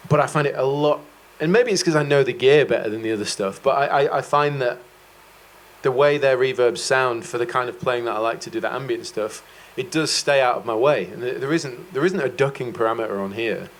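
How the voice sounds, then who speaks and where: A man's voice: mid-range voice, a little fast. A man giving a guitar masterclass, talking casually and rambling a little, with self-deprecating jokes. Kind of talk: casual explanatory chat.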